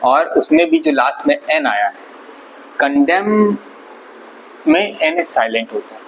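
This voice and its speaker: A man's voice: a little high, huge pitch swings, normal speed, creaky, fairly bright tone, rough recording. A man teaching an English vocabulary lesson, explaining patiently and repeating words syllable by syllable. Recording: faint background noise.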